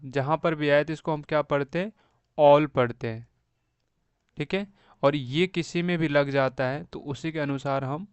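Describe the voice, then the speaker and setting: A man's voice: fairly high pitch, smooth, no room sound. A man teaching beginners to read English, spelling words out letter by letter and checking in often with a friendly "okay". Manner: slow, spells words letter by letter and repeats "thik hai". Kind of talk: phonics lesson for beginners.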